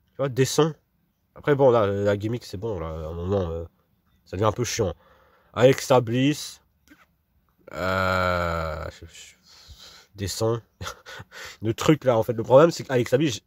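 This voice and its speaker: A man's voice: fairly low pitch, no echo, clean studio sound. A young man casually rambling through wrestler rankings in slangy, dismissive talk full of fillers. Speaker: wrestling commentator ranking a roster. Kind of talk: casual monologue.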